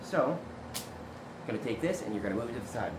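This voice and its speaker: A man's voice: mid-range voice, lively intonation, fast talker, background noise. A man hosting a casual craft tutorial vlog, talking in a rambling, informal way with loose asides, recorded in a basement. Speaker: video host. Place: basement room indoors.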